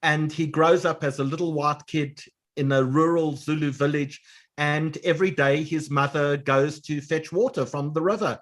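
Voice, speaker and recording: A man's voice: fairly high pitch, fairly even intonation, moderate pace. A man hosting a casual panel chat, jovial and teasing, telling stories. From South Africa. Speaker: host.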